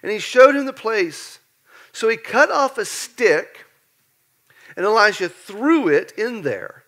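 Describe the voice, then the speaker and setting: A man preaching to his church in a loose, conversational style, animated and playful. His voice sits high for a man and has a bright, forward edge. He tells the story like a storyteller and jokes along the way. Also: takes it slowly. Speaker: pastor. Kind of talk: lively conversational sermon. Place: church sanctuary.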